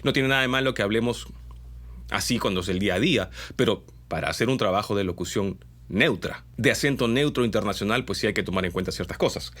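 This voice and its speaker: A lively Peruvian man doing voice-over teaches his viewers at a fast clip, his Peruvian Spanish accent somewhat mixed. His delivery is animated, with pitch jumping up on key points, and he explains things while often tacking on tag questions.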